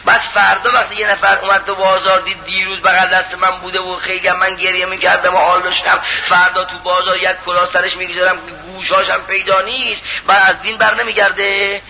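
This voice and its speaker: A man preaching a sermon in an impassioned, pleading way, swinging between loud appeals and hushed lines. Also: sits high, completely flat delivery, creaky, few pauses. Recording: muffled lo-fi recording with faint hiss.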